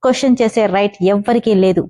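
Woman narrator playing a cold arrogant young husband; curt and defiant, mellow tone. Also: medium pitch, quick pace, close to an everyday voice. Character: cold, stubborn proud young man.

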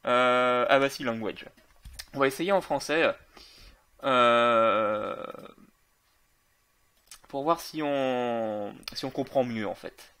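A man's voice: medium pitch, slow, pauses often, bright, forceful tone, smooth. A man casually commenting on a video game while playing, with many fillers and self-corrections. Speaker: gaming video creator.

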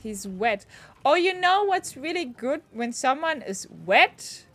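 A woman streaming a game, chatting casually, excitable and swearing freely as she reads game text aloud. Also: sits high, takes it slowly. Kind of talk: casual gaming chat. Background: faint game music.

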